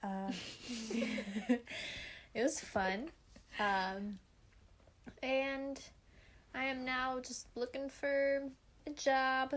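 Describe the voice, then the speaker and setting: A woman's voice: high voice, steady tone, very slow, pauses often, fairly bright tone. A young woman in her twenties co-hosting a casual podcast, easygoing and supportive, laughing often. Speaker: podcast co-host. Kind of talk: casual chat.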